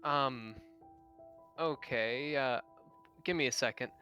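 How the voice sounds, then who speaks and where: A man's voice: mid-range voice, slow pace, bright, forceful tone, dull audio. A man playing a tabletop role-playing game, moving casually between table talk and speaking in character. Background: music.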